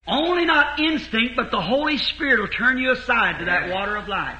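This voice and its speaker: A man's voice: extremely high pitch, animated, moderate pace, pushed and bright. A man preaching a sermon, retelling a story in a folksy, rambling way with lots of repeated "he said". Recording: roomy echo.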